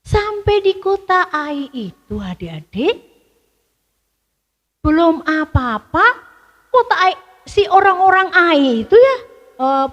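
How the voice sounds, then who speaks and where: A woman telling a story to children, animated and full of questions for them. Her voice sits high, and she takes her time. Long hall reverb trails each phrase.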